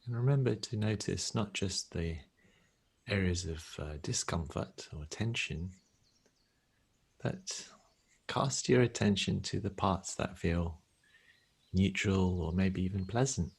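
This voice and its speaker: Guiding a meditation, a man speaks in a low, husky voice. He keeps it soft and slow, letting long pauses sit between his phrases the way a teacher might.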